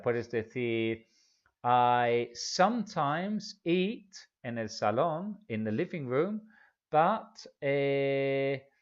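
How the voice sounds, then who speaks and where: A man giving a language lesson, patiently walking through example sentences and repeating them. He speaks slowly, and his pitch rises and falls with plenty of animation. The recording sounds a little dull and lo-fi. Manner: slow, patient drilling with repeated example phrases. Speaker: English teacher. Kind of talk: language lesson explaining in Spanish.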